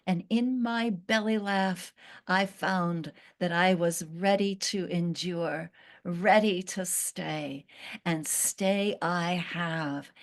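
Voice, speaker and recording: Channeling the spirit of a fig tree that was once cursed, a woman tells her story slowly and earnestly, leaving long pauses. Her voice is on the low side.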